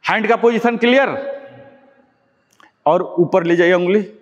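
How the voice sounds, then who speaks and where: A man's voice: high voice, measured pace, highs cut off. A man leading a live yoga class, explaining each step patiently and repeating key words. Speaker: yoga instructor. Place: yoga class with students present. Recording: long echoing room reverb.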